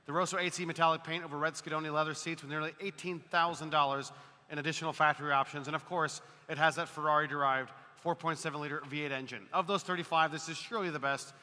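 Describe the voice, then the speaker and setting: A man's voice: fairly high pitch, fairly even intonation, fast, sharp tone. A man working as an auction announcer, presenting lots in an emphatic, promotional salesman's style. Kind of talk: promotional lot description. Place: large auction hall. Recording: reverberant hall.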